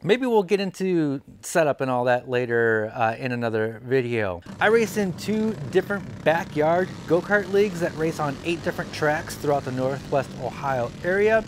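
A man's voice: on the high side, background noise. A man, hosting a woodworking channel and talking casually to camera, with lots of ums and uhs as he stands and gestures. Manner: chatty, many fillers, standing and gesturing. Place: indoor studio with colored backdrop.

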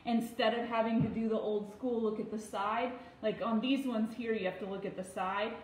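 In a home kitchen, a woman in her thirties gives a cooking demonstration as a parent, talking casually to the camera and her child. Her fairly high voice stays steady at a moderate pace, guiding each step patiently but firmly. A phone propped on the counter about arm's length away captures it in a very echoey room with faint noise.

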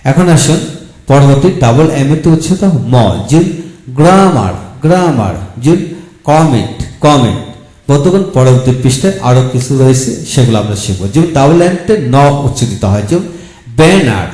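A man teaches pronunciation at an unhurried pace, saying each example word over and over. His voice is dark and mellow, and it rings in an echoey room. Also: medium pitch, expressive. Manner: slow, repeats each example word several times. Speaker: English teacher. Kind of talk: spoken pronunciation lesson.

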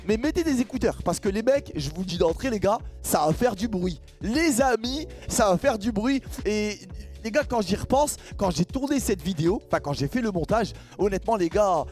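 A young man with a high-pitched voice chats casually to his viewers, calling out to them again and again. When something big turns up he erupts into drawn-out shouts. Faint music plays underneath. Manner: excitable, shouts and drags out words at big reveals; chatty, keeps addressing viewers as "the guys". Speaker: gaming YouTuber. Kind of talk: casual pack-opening commentary. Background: background music.

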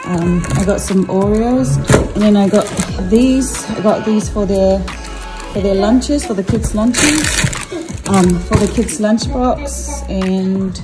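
A woman's voice: mid-range voice, slow pace, loud music behind the voice. A woman in her thirties from New Zealand, chatting casually through her family's weekly grocery haul with lots of ums and restarts. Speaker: family vlogger. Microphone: phone held at arm's length.

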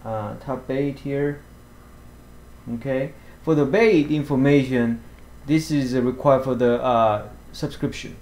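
A man walking through fishing apps over a screen recording, talking haltingly with many fillers and restarts. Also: mid-range voice, fairly even intonation, a little mellow. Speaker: fishing vlogger. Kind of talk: screen-share app walkthrough.

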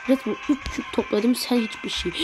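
An excitable woman talks viewers through a mobile game match from home. Her commentary is casual and chatty, and she reacts loudly to every twist. Game music plays clearly behind her the whole time. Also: high-pitched, a little slow. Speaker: gaming channel host.

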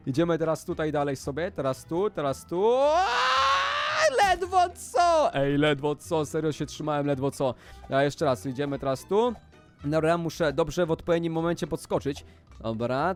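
A young man giving energetic, excited gameplay commentary as a video creator, often squealing with excitement. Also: a little high.

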